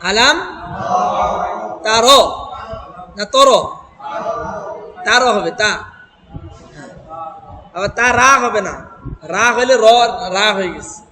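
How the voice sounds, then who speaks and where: A man's voice: high voice, a crowd in the background. A man teaching Quran reading in a classroom with a Bangladeshi Bengali accent, patiently quizzing students and chanting examples. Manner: patient, questioning drills, chants examples slowly. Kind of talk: classroom recitation lesson. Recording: noisy room recording.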